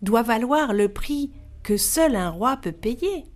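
The voice is the eldest of seven brothers, a thoughtful young man who leads the others in earnest tones in a storybook tale, as a woman narrator reads him. The voice is fairly high, close to the reader's own. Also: lively intonation, slow.

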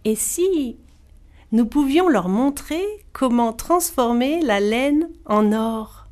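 The voice is the eldest of seven brothers, a thoughtful young man who leads the others in earnest tones in a storybook tale, as a woman narrator reads him. The voice is fairly high, close to the reader's own. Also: animated, slow pace, a little mellow.

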